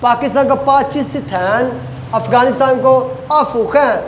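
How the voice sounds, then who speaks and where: A male lecturer teaches Chinese words, slowly repeating each pronunciation several times. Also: very high-pitched. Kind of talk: recorded university lecture. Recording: roomy echo, faint background noise.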